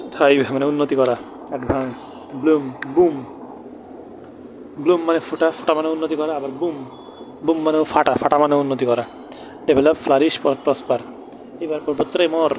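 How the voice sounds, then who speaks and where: A man's voice: fairly high pitch, dull audio, background noise. A man teaching English vocabulary, repeating words and asking rhetorical questions as memory tricks. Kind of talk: vocabulary lesson.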